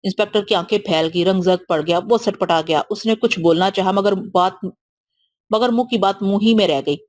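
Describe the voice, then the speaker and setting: A woman reading an audio novel aloud as narrator, keeping one steady voice for all the characters. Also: mid-range voice, fairly quick, no room sound.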